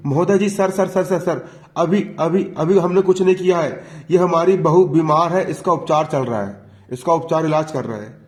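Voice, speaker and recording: A spiteful old mother-in-law who whines and accuses in a classroom retelling of a play, voiced by a male teacher. Her voice sits a touch high. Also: normal speed, darkish tone, natural voice. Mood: flustered. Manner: accusing and whining.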